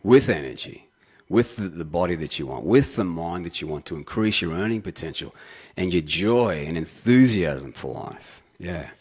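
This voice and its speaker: Husky deep-voiced confident man. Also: lively intonation, moderate pace, darkish tone. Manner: confident, explanatory. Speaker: health expert guest. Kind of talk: interview explanation.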